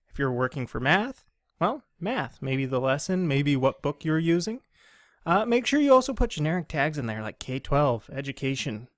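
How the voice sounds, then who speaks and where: A man hosting a training video in a slightly high voice, slowing down and enunciating each word with care. He sounds close to the mic, and the dry recording has almost no room sound. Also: no room sound. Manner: slow, deliberately enunciated presenting voice. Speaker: instructional video host. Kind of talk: scripted training tutorial.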